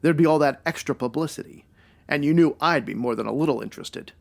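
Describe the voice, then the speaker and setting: A man with a fairly high, fast voice and vocal fry plays a hard-boiled ex-cop turned private detective in 1940s radio noir style. Wry and sure of himself, he fires off wisecracking slang in an accusing tone.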